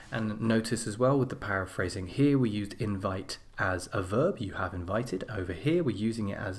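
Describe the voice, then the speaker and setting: A man with a lowish voice explaining an English lesson. He talks it through step by step, at a measured pace. He sounds like he is at a desk with a mic. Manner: explains step by step while writing on screen. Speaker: English teacher.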